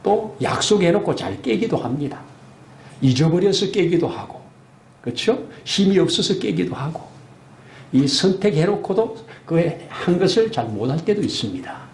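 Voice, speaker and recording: A male pastor preaching a sermon, animated and acting out the voices in the scripture passages. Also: fairly high pitch, normal speed, a little hiss or hum. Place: church sanctuary. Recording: echoey church room.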